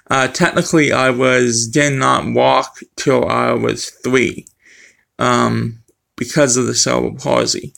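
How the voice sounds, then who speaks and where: A middle-aged man with a speech impediment that blurs his R and W sounds, talking casually and haltingly to the camera. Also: mid-range voice, gravelly, a bit bright. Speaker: vlogger. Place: small room at home. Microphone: webcam or phone close to face.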